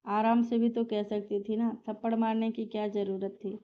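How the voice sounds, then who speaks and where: A woman's voice: a little high, flat delivery, normal speed, natural voice. A woman reading the lines of an easygoing young man, bewildered and pleading. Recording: slightly dull lo-fi recording.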